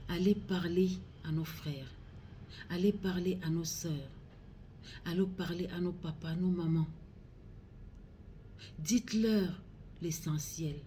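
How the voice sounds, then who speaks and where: Speaking with a Cameroonian accent, a woman serving as a regional councillor issues a grave public appeal. Her voice is low and mellow, her pace very slow, her pleading phrased deliberately, over slight recording noise.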